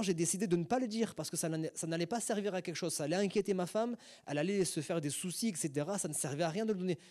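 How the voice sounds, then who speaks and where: A man's voice: on the high side, warm tone. A middle-aged man, a pastor, teaching a sermon in a conversational way with many asides and rhetorical questions. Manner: acts out short sung and spoken examples. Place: church hall.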